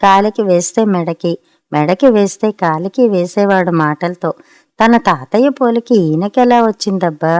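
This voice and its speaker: A woman reads a story aloud for an audiobook, calm and measured. Her voice has a middle pitch. It is recorded close on a studio mic, dry with no room echo. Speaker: narrator.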